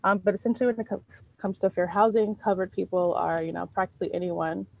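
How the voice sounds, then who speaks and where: A woman's voice: on the low side, flat delivery, fast, gravelly, low-quality recording. A woman giving an informal presentation on fair housing over a video call, with many ums and restarts. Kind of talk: presentation at an online meeting.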